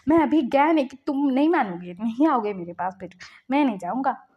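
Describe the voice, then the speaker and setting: A woman's voice: high voice, expressive, fairly quick. A woman voicing a clingy young man who begs and insists he won't leave, with a dull lo-fi sound. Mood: pleading. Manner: begging, wheedling, insistent. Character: pleading, clingy young man, male alpha.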